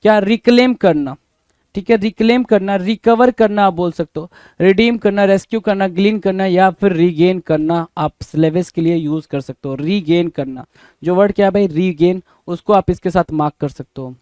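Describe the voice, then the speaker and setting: In an exam-prep vocabulary lesson, a man with an Indian accent teaches English words, blending Hindi with English and often quizzing the class. His voice sits high and a little mellow at a moderate pace, and the recording is dry.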